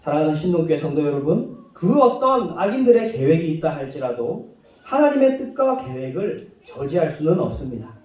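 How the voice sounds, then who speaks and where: A man pastor delivering a sermon in a church, preaching with lively acted quotes and light laughs. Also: a little high, brisk. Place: church sanctuary. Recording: echoey hall, mic far off.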